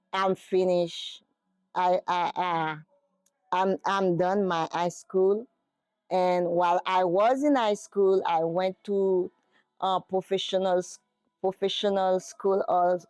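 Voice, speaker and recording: Middle-aged Haitian woman, non-native English, slow and halting, lowish voice, dry close sound. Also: steady tone, darkish tone, smooth, no echo. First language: Haitian Creole and French. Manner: hesitant, searching for English words. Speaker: interviewee. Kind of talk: casual interview.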